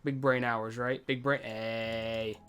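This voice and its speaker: Speaking slowly in a clean, medium-pitched voice with little pitch movement, the gaming host talks through his playthrough and reads dialogue aloud. He mumbles to himself, curses offhandedly, and congratulates himself on how he's doing over soft background music.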